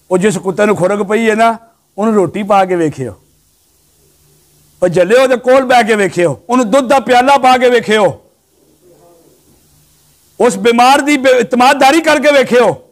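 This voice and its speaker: A man preaching a sermon to a live gathering in a notably high voice. He tells his stories animatedly, rising to loud exhortation and then dropping to low, hushed asides. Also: normal speed, pauses often.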